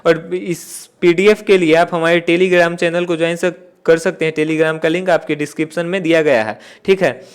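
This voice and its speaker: High-voiced man teaching exam grammar. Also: fairly even intonation, moderate pace, hardly any pauses, smooth. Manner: explains step by step, asks and answers his own questions; repeats key points with "theek hai". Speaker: exam-prep English teacher. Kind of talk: classroom-style exam lesson.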